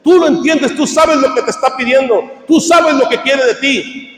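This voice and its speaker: A man preaching a fervent sermon as pastor, swinging between shouted climaxes and quiet asides. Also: extremely high pitch, moderate pace. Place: church hall. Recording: echoey church hall.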